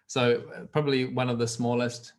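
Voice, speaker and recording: A man's voice: medium pitch, flat delivery, moderate pace. A man with a New Zealand accent, a trainer explaining ideas on a video call, often restarting phrases as he thinks. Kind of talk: casual explanation on a group call.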